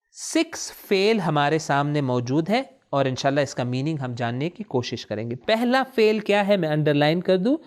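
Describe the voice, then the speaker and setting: In a classroom-style lesson, a man with a slightly high voice teaches Arabic words from the Quran, asking questions and answering them himself. He repeats each word slowly and mixes in English terms.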